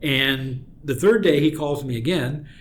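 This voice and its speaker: A man, a guest in an interview, telling a long story in a relaxed way and clearing his throat often. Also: medium pitch, unhurried. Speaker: guest, outdoor mentoring program leader.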